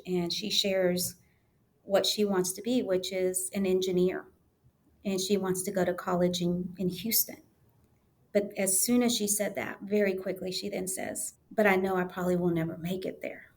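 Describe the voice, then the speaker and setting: Earnest woman telling a story. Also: medium pitch. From United States. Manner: earnest, emotional storytelling with quoted dialogue. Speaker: podcast guest, testing coordinator. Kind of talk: conversational storytelling interview.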